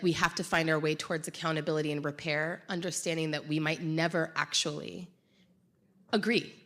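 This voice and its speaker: A woman with a low voice speaks during a live stage conversation. She is thoughtful and searches for her words, often pausing on fillers. The live sound is a little uneven. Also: a bit bright. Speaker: podcast co-host.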